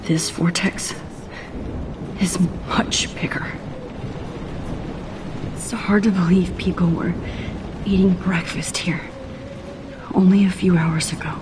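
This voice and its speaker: A woman's voice: lowish voice, fairly even intonation, slow pace, pauses often, noisy background. A woman playing an anxious, determined, introspective teenage girl in a video game, often in inner monologue. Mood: pensive, troubled.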